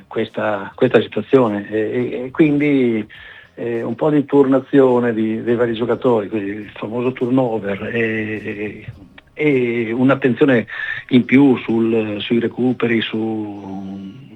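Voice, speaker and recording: A man calling in to a radio show as a football coach guest, giving measured commentary in a halting way with frequent pauses. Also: mid-range voice, fairly even intonation. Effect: caller heard over a phone line into a radio show. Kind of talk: casual expert commentary. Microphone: phone. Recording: tinny phone line.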